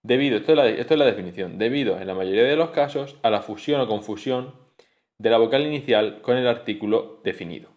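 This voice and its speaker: A man's voice: mid-range voice, quick pace, darkish tone. A man giving a spoken phonetics lesson, explaining patiently and repeating sounds and example words aloud. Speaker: teacher.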